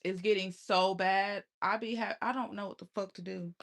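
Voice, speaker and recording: This livestream host speaks in a steady, mid-range voice at a moderate pace, lisping slightly as she talks directly to chat. Her manner is loose and profane, and she laughs a lot.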